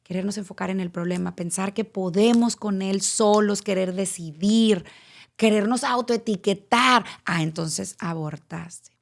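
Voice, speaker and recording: A woman's voice: mid-range voice, unhurried, creaky. A woman in her late thirties with a Mexican Spanish accent, giving a candid personal testimony as a podcast guest and speaking straight to the listener with casual swearing. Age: late 30s.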